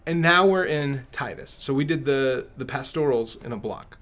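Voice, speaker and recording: A man with a West Texas accent and twang, chatting casually as a pastor and co-host in a halting way that repeats words. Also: mid-range voice, fairly bright tone. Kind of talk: casual conversation.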